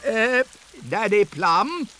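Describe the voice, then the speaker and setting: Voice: mid-range voice, lively intonation, extremely slow, sharp tone, faint music behind, exaggerated voice. A performer voicing a fussy, flustered old male elf stuck under a cow in a children's cartoon. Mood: prim.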